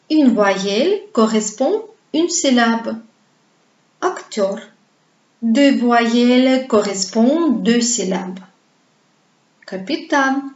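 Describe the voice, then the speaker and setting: A woman's voice: fairly high pitch, a little mellow. A woman teaching a pronunciation lesson, explaining patiently and asking her viewers to repeat words after her. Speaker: Russian language teacher. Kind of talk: slow, carefully paced pronunciation lesson. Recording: roomy, slightly dull lo-fi sound.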